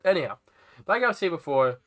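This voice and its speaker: A man's voice: fairly high pitch, very animated, quick pace, fairly bright tone, soft background music. A young man chatting casually on a live game stream, with a stuffy, nasal voice as if he is about to sneeze. He rambles to his viewers and talks to the creatures in his game. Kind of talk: casual live-stream chat while playing.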